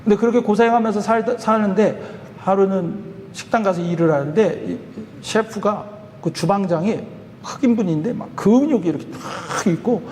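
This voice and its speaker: A male pastor telling a story in a sermon, chatty and animated, chuckling now and then. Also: high voice, normal speed, big-room sound, slight background noise. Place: church sanctuary.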